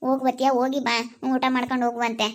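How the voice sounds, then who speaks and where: A woman's voice: high voice, flat delivery, rapid-fire, close to an everyday voice. A woman playing a talkative middle-aged village mother who gossips and pleads, in an amateur family skit. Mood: gossipy.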